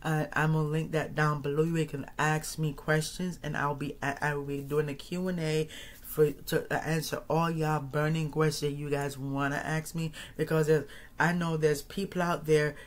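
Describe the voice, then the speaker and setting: A man's voice: on the high side, flat delivery, moderate pace. A man in his thirties hosting his own podcast, talking casually to his audience in a rambling way, repeating phrases and restarting sentences often. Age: 30s. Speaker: podcast host. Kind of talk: casual solo monologue.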